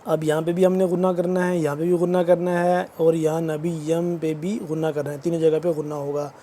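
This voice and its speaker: A man with a Pakistani Urdu accent teaching Quran recitation rules. He recites verses slowly and drawn out, then explains each rule quickly and quietly. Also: on the high side, level tone, a little hiss or hum. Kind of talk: tajweed lesson, slow recitation with fast spoken explanations.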